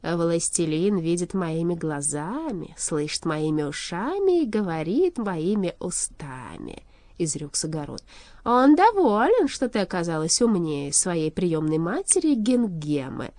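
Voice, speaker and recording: A woman's voice: fairly low pitch, sing-song, no room sound. Woman voicing a gloating cold shadow king. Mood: commanding. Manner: slow, loud, lordly.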